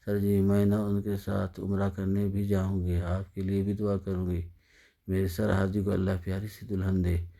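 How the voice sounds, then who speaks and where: A man's voice: sits low, flat delivery, creaky, dark tone. A man reading the lines of a weary, hopeful young woman in a sad story, in his own narrating voice.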